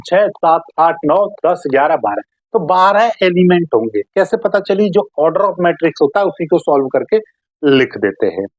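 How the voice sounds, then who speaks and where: A woman teaching math in a classroom style, asking questions and answering them herself, often checking whether listeners follow, and stretching out key terms slowly. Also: fairly low pitch, dry recording, rough recording.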